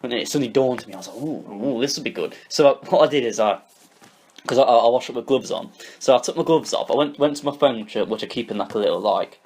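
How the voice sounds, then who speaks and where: A young man from Britain co-hosting a football podcast, telling stories in an animated, rapid way full of restarts. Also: medium pitch. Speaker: podcast co-host. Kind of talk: casual chat.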